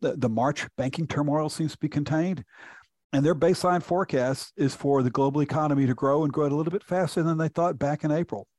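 A man's voice: fairly high pitch, quick pace, darkish tone, dry recording, clean studio sound. A middle-aged man from Houston, a chief economist, explaining reports in a conversational podcast interview with frequent restarts. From Houston, Texas.

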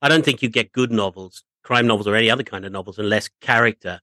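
A man's voice: on the low side, fast, bright, forceful tone, no echo, clean studio sound. A man moderating an author panel, listening closely and nudging the talk along with short responses. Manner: attentive, with frequent short backchannel responses. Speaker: host and moderator. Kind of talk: interview moderation.

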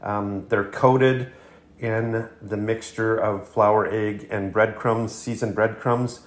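A man's voice: lowish voice, steady tone, slow. A man hosting a hunting and cooking show, talking casually and hesitantly in his kitchen, with plenty of fillers and restarts. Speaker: hunting and cooking podcast host. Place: home kitchen.

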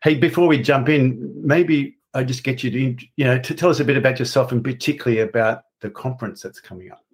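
A man's voice: mid-range voice, quick pace. A man hosting a podcast, introducing the guest with friendly chat and occasional restarts. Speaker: podcast host.

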